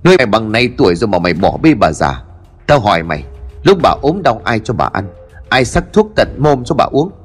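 A man voicing an arrogant older brother who shouts at him rapidly. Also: mid-range voice, breathy edge, soft background music. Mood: angry.

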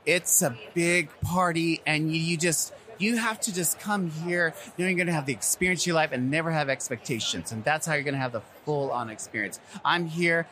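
A man's voice: on the high side, brisk, hardly any pauses, sharp tone, slight background noise. A middle-aged man, a drag performer, chatting candidly and emphatically in a casual interview. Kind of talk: casual event interview chat. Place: convention green room.

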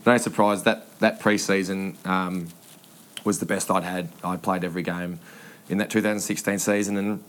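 A man in his thirties with an Australian accent, a former footballer telling stories as a podcast guest, halting with many ums and restarts and laughing often. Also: sits low, fairly even intonation, a bit bright, slight background noise. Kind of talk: casual storytelling interview.

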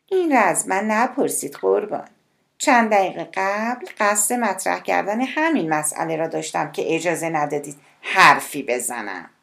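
A woman's voice: on the low side, expressive, creaky, a bit bright, voice pushed up. A woman voicing a deferential female office secretary, polite and a little hurt.

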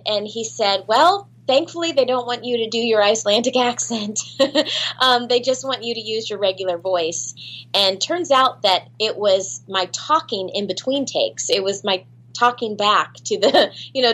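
Fairly bright in tone, with medium pitch and normal speed, a voice actress chats casually as an interview guest. She laughs at her own expense and fills her talk with ums and false starts.

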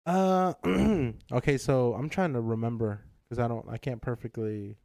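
A man co-hosting a podcast in casual, rambling chat, swearing and clearing his throat often. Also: mid-range voice, fairly even intonation, unhurried, darkish tone, no echo, clean studio sound. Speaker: podcast co-host.

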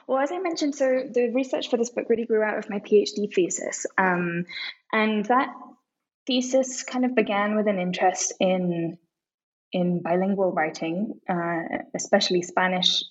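In a podcast interview, a woman in her thirties who works as an author and translator answers questions thoughtfully, often saying um and restarting. Her voice is fairly low, and the recording's highs are cut off.

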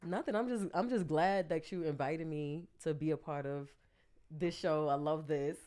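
A woman's voice: sits low, moderate pace, warm tone. A woman from Brooklyn with a Brooklyn accent, chatting casually as a podcast guest in a candid, slangy way. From Brooklyn, New York, United States. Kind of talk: casual chat.

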